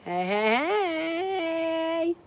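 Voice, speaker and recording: A woman reading aloud voices a triumphant male museum keeper who shouts and gloats. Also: very high voice, sing-song, extremely slow, voice pushed up, heavily acted. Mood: gloating. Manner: loud, gloating.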